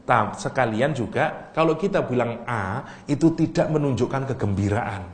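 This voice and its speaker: Lively male Islamic teacher, teasing audience. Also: moderate pace, a little hiss or hum. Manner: teasing and animated, acts out Arabic cries with sudden high voice; laughs often, asks the audience questions. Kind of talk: lecture on Quranic language.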